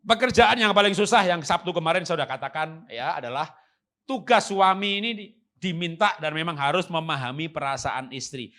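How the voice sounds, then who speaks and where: A man preaching a church seminar sermon with humor. He acts out quoted husbands and wives and moves from loud emphasis to soft, calm passages. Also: fairly high pitch, a little fast. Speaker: guest preacher. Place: church service.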